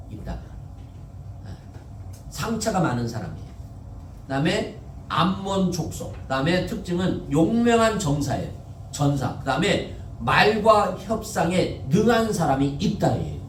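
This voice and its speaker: Recorded with a far-off microphone in a reverberant church sanctuary, a male pastor gives a conversational Sunday sermon, repeatedly questioning the congregation and answering on their behalf. His voice sits somewhat high, with a little hiss or hum underneath.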